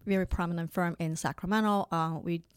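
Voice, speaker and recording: Woman from Hong Kong, halting and dry. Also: lowish voice, fairly even intonation, smooth, no room sound. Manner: hesitant, many fillers and restarts. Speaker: lawyer guest. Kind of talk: conversational interview.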